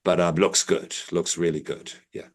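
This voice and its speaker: A man co-hosting a podcast, chatting casually in a jokey, rambling way with bursts of loud excitement. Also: deep voice, normal speed. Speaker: podcast co-host. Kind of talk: casual podcast sign-off chat.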